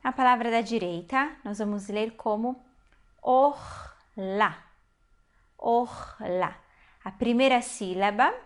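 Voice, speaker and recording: Slightly high woman teaching step by step. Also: a bit bright. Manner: patient step-by-step explanation, slows to spell out syllables. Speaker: Hebrew teacher. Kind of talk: online language lesson.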